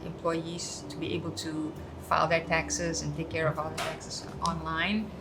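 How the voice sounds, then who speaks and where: A woman's voice: low-pitched, completely flat delivery, normal speed, very noisy. A middle-aged woman from Suriname, a guest chatting casually in a cafe interview, telling stories with frequent ums and uhs. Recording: background guitar music.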